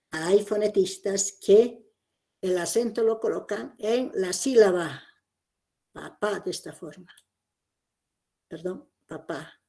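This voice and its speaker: Lady teacher walking a class through phonetics, repeats stuff, keeps asking "¿no?". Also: medium pitch. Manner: explanatory, repeats key points, checks with "¿no?". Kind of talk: classroom lecture.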